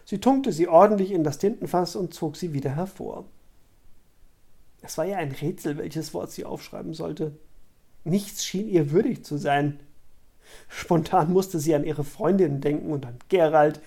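A reader narrating a fantasy storybook aloud in a calm, measured way. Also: medium pitch, gravelly, husky. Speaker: audiobook reader. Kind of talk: scripted audiobook narration.

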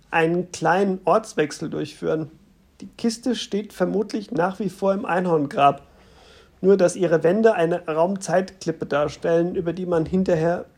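A narrator voicing a calm, patient man who explains things steadily, in an audiobook reading. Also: mid-range voice, breathy edge.

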